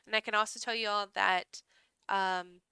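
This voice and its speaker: A woman's voice: medium pitch, fairly even intonation, moderate pace, sharp tone, clear, resonant tone, dry recording. A woman streamer reading a visual novel aloud with chatty, laughing asides, her throat drying out. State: voice going hoarse, throat dry.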